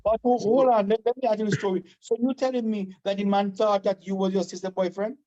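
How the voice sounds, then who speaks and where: A Vincentian man with a notably high, mellow voice talks casually on the radio. He is emphatic and often repeats a phrase to drive it home. The sound is muffled and lo-fi. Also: flat delivery, fast. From Saint Vincent and the Grenadines.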